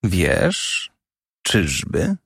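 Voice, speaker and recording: A man voicing a menacing masked young man who taunts in low, slow, growling tones. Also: wildly swooping pitch, vocal fry, fairly bright tone, slightly rough, no room sound, clean studio sound, exaggerated voice.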